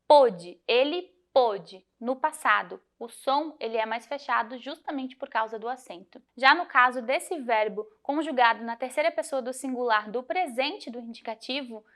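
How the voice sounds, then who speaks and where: A woman teacher guiding students through a grammar lesson, clear and methodical, slowing to spell out example words. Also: sits high, a bit bright. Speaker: Portuguese teacher. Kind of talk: recorded lesson walkthrough.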